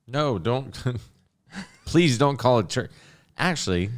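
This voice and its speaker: A man's voice: medium pitch, sing-song, takes it slowly. A man hosting a podcast in casual chat, joking and mock-exasperated. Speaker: podcast host.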